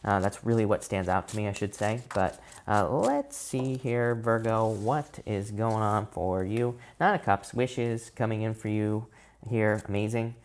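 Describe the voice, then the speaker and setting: A man's voice: fairly low pitch, measured pace. A man giving a casual tarot reading, talking in loose, rambling sentences full of fillers and restarts. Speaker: tarot reader.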